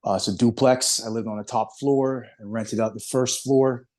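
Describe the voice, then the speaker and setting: A man from Barbados giving a relaxed, casual presentation on a video call, often filling with "you know" and "um". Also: medium pitch, normal speed. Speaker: guest speaker.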